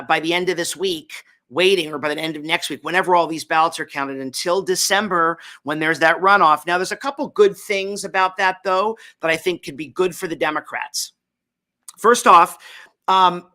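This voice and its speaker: A man hosts a political commentary show while hungover. His voice sits a little high and has a bright, forceful edge. He is opinionated and emphatic, yet halts to check himself as he goes. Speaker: host of a political talk show.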